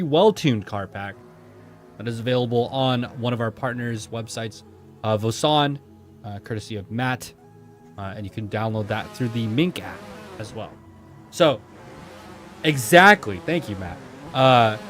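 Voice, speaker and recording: A man hosting a sim racing drift competition livestream, chatting casually and switching into excited play-by-play commentary, with faint music behind him. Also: mid-range voice. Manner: chatty, laid-back, bursts into hype play-by-play.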